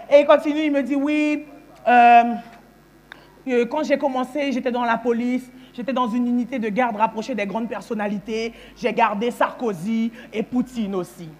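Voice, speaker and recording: A young woman performing stand-up comedy on a festival stage, talking straight to the crowd and acting out the people in her stories. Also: fairly high pitch. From France. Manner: lively, addresses the audience directly, acts out dialogue. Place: festival stage before a live audience.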